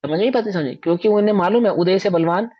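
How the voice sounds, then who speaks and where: A man's voice: high voice, fast. A man teaching scripture in a lecture, pressing his points hard and turning again and again to his listeners with rhetorical questions. The recording sounds somewhat dull and lo-fi. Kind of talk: religious discourse lecture.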